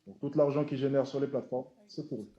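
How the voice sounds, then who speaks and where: Man, content creator at a hearing, measured formal answers, deep mellow tone, muffled recording. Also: steady tone. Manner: measured, repeats key phrases, formal phrasing. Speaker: social media content creator testifying at a hearing.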